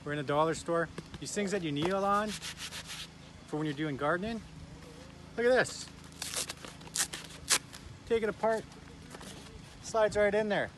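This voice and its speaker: A man's voice: high voice, measured pace, pauses often, background noise. A man in his fifties from Canada, talking casually and cheerfully to his phone camera outdoors at a forest campsite. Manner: upbeat, chatty, bursts of enthusiasm. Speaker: camping vlogger. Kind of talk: casual vlog chat to camera. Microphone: phone camera held close.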